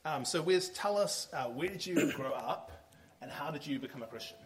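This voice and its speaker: A man's voice: fairly high pitch, lively intonation, normal speed, slight background noise. A man hosting a church service and interviewing the guest on stage, speaking hesitantly with many fillers.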